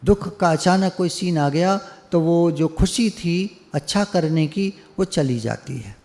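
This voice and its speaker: A man with a somewhat high but dark, gravelly voice gives a devotional discourse over an online call. He talks conversationally, teases his listeners and acts out the people he quotes. A long reverb hangs behind his words. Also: slow. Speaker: spiritual teacher. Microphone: online video call.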